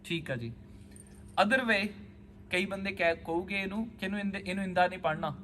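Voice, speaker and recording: High-voiced man teaching a scripture class. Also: moderate pace, pushed and bright, a little hiss or hum. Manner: patient, calls students by name, asks questions. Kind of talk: class lesson mixing Punjabi and English.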